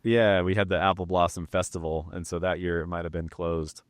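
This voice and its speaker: A man's voice: sits low, steady tone, fairly quick, dry recording. A man from Central Washington, a guest on a podcast, chatting in a laid-back way. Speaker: podcast guest, company co-founder. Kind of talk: casual chat.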